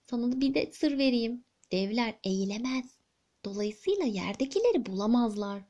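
Woman as a bragging giant mouse, high and quick, storybook tale. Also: expressive, warm tone, highs cut off. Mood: boastful. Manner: chatty, brisk, self-assured. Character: giant talking mouse, busy and boastful.

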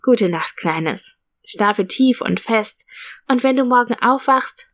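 A woman voicing a gentle, affectionate aunt in a read-aloud storybook, speaking soothingly to a child. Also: fairly high pitch, lively intonation, takes it slowly. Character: warm, gently teasing aunt, adult woman.

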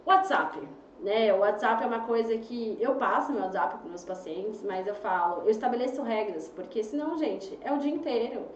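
A woman's voice: fairly high pitch, animated, normal speed, slight background noise. A young adult Brazilian woman, a pediatrician chatting as a guest, who acts out anxious parents in whiny voices. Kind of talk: casual interview chat. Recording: roomy, distant, muffled recording.

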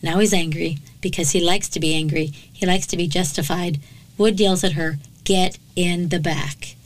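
A woman's voice: fairly low pitch, steady tone, moderate pace, rough recording. A woman hosting a true crime podcast, telling a case dramatically and breaking off for blunt, sarcastic comments. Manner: dramatic narration broken by sarcastic, blunt asides.

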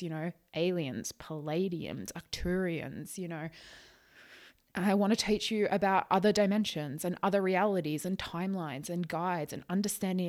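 Woman, lowish voice, casual podcast host, nervous, talkative, stumbles and rephrases. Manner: nervous, chatty, stumbling over words. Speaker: podcast host, psychic channel. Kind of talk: casual solo podcast talk.

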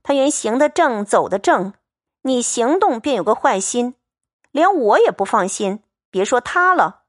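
A woman voicing a clever, sharp-tongued young maidservant who teases in a playful, raised voice. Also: on the high side, big pitch swings, measured pace, no room sound, clean studio sound. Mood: teasing. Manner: teasing, playful.

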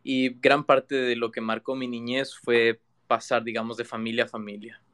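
Reflective man, smooth voice. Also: medium pitch, flat delivery, moderate pace, fairly bright tone. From Ecuador. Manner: reflective, with many restarts and fillers. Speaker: guest artist. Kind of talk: casual interview answer.

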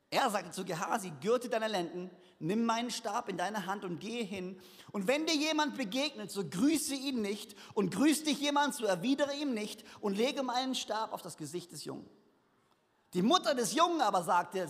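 A man with a high, light voice reads a scripture story aloud as a sermon. He breaks off now and then for lively, humorous asides. His voice carries a long reverb from the hall. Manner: lively reading with asides and laughter. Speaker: preacher. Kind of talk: sermon reading scripture with comments.

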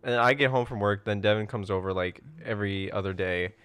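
A man's voice: on the low side, a little fast, fairly bright tone, smooth, no echo. A young man co-hosting a podcast, talking in a laid-back, rambling way. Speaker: podcast co-host. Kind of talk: casual chat.

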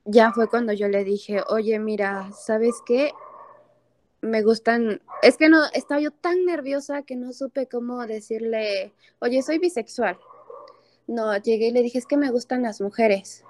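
A woman's voice: on the high side, a little slow, darkish tone. A young woman with a Mexican accent, earnestly telling a personal story with many fillers and restarts.

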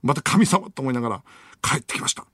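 A man's voice: medium pitch, animated, fast, fairly bright tone, no room sound, studio quality. A man hosting a late-night radio show, telling a long story with sound effects and bursts of laughter. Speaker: radio host. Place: radio studio. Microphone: studio microphone.

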